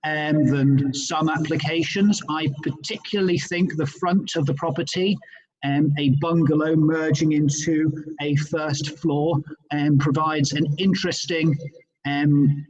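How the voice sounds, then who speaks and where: A male councillor making measured remarks, with frequent ums and restarts, over a video call that sounds muffled and hollow, as if he were inside a fishbowl. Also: on the high side, steady tone. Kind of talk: formal remarks at an online planning committee.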